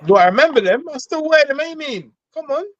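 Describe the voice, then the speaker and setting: High-pitched London roadman bloke, bantering. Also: lively intonation, fast talker, fairly bright tone, no room sound, highs cut off. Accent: London, street slang. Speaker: co-host prompting the storyteller. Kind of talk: casual banter.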